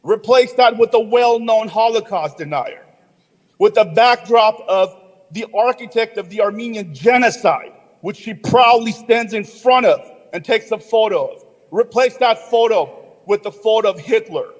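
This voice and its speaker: An indignant man challenges the council during public comment, firing off pointed rhetorical questions. His voice is high for a man. The chamber's long reverb hangs behind his words. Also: moderate pace.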